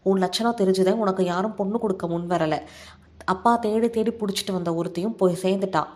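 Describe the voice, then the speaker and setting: A wronged young village woman answers back firmly and with feeling, as a woman narrator reads her lines. The tone is warm and mellow, at a middling pitch. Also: brisk, close to an everyday voice. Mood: defiant. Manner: pleading then defiant.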